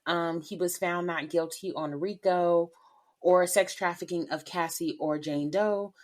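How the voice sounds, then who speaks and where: A woman's voice: lowish voice, measured pace. Chatty, laughing woman podcast co-host. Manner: animated, chatty, laughs often. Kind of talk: casual chat.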